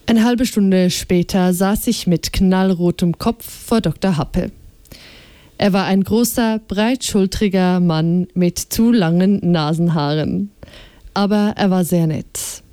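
A woman reading a children's book aloud in a clear, even storytelling manner. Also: lowish voice, slow pace, dry recording. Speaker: reader.

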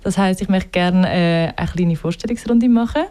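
A chatty Swiss woman hosts a live radio show from a studio. Her voice is mellow and soft-edged, and she laughs easily between filler words. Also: lowish voice, moderate pace. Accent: Swiss German.

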